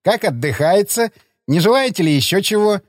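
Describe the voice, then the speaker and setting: A man voicing a fawning, plump middle-aged inn manager who speaks slowly and sweetly, in an audiobook. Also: high voice, animated, no room sound, clean studio sound, pitched above the performer's own voice. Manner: ingratiating, slow and sugary.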